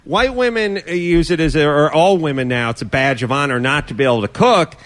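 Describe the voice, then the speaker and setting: A man's voice: fairly high pitch, fairly quick, a bit bright. A middle-aged man hosting a radio show, ranting sarcastically in casual banter and slipping into mocking voices. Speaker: radio host.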